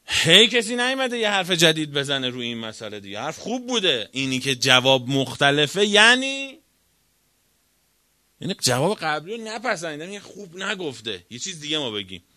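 A man lecturing on religion with a bright, forceful tone and a combative, questioning delivery. He swings from loud emphasis to hushed asides. The recording is dry and close. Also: a little high, sing-song, dry recording. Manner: argumentative, rhetorical questions, swings between loud and quiet. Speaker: cleric lecturer.

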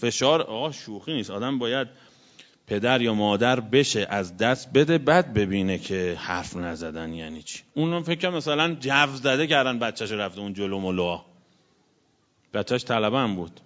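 A male cleric giving a sermon, telling religious stories and swinging between loud exclamations and hushed asides. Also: fairly low pitch, animated, highs cut off. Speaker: cleric preacher.

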